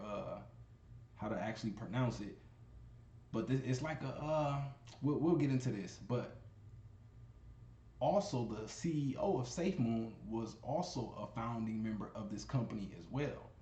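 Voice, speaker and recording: A man hosts a casual crypto screen-share video, chatting to viewers as he scrolls through web pages. He's conversational, calls his audience y'all and keeps saying "you know what I'm saying" in a mellow, mid-range voice at normal speed. The room is echoey with faint ambient noise.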